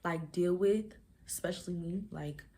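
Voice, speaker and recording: Woman in her twenties, slightly low voice, casual vlogger who talks fast and rambles with lots of fillers. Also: dark tone. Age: 20s. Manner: fast rambling talk, stumbles over words; many "like" fillers. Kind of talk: casual chat to camera.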